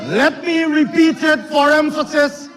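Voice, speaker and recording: Guyanese man, minister at parliament podium, very high voice, slow deliberate emphatic delivery. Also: steady tone. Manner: emphatic, repeats lines for emphasis, rising to shouts. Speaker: government minister. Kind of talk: formal parliamentary budget speech. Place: parliament chamber.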